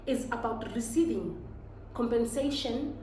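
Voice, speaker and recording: A woman's voice: fairly high pitch, unhurried, dark tone, reverberant, far from the mic, slight background noise, low-quality recording. A young South African woman giving an emphatic, preachy motivational talk and switching between English and Zulu phrases. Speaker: motivational vlogger.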